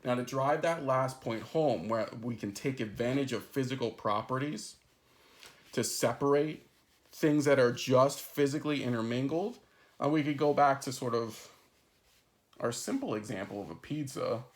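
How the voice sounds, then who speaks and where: A man at a mid-range pitch talks through a chemistry lesson for his students. He explains each idea step by step. He keeps pausing to check in with "okay?" and "right?". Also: expressive. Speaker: chemistry instructor. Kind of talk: recorded lecture.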